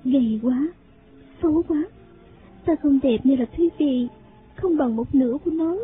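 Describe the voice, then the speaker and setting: A man reading an audiobook voices a frail, sickly young woman in a soft, tearful, pleading way. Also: very high voice, moderate pace, pitched above the performer's own voice. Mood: sorrowful pleading. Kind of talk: audiobook character voice. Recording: phone-like sound, faint music.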